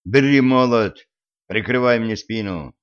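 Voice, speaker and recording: A man voicing a gruff, commanding male warrior-sorcerer who barks orders. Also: mid-range voice, unhurried, lo-fi sound, natural voice. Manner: barking orders.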